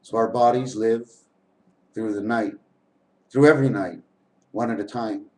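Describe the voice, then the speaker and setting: A man's voice: fairly low pitch, steady tone, a little slow, a little mellow, poor audio. A man giving a rambling spiritual monologue to the camera, spinning wordplay out of letters and numbers and talking to viewers as his friends. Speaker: vlogger. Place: at home, on camera.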